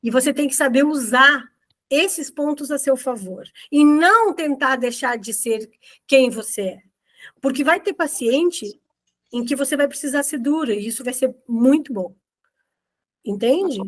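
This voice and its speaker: A woman instructor leading a review session for therapists, talking in a very direct, expressive and emphatic way. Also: high voice, measured pace. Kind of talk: teaching a group review session.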